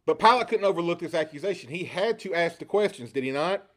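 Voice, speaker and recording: A man's voice: on the high side, animated, quick pace. A man preaching a sermon, asking rhetorical questions and acting out quoted lines with rising inflection.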